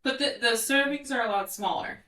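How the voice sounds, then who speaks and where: A woman's voice: a little high, brisk, bright, forceful tone. A talkative young woman tells a travel story in a loose, friendly chat, stringing her thoughts together with plenty of filler words. She sits a little away from the microphone, so her voice sounds distant. The room adds a noticeable echo around her. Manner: chatty, full of "like" fillers, storytelling. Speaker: podcast co-host. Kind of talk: casual chat. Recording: roomy sound from away from the mic.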